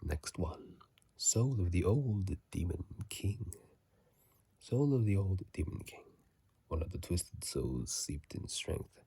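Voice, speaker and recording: A gaming ASMR host murmurs his game commentary close up into a phone mic, his very deep, dark voice husky and breathy, often slipping into a whisper. He's soft, slow and soothing and repeats phrases, though his intonation stays lively.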